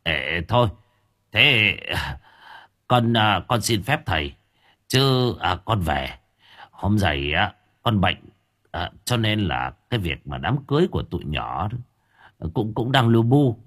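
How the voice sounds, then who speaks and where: Casting: male narrator doing a stammering, fussy old villager, husky, lively rise and fall. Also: fairly low pitch, unhurried, long pauses, heavily acted. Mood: flustered. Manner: flustered, stammering. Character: older village man, anxious and fussy.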